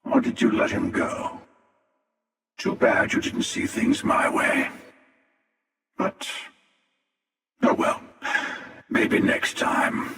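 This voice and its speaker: A cavernous, reverberant voice of a smug video game hunter, gravelly and menacing. He taunts in a slow, sardonic drawl, sounding world-weary and sure of himself. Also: very high voice, bright, forceful tone, exaggerated voice. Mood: smug, taunting. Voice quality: gravelly, breathy rasp. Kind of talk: video game character voice acting. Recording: echoing, long reverb, distant.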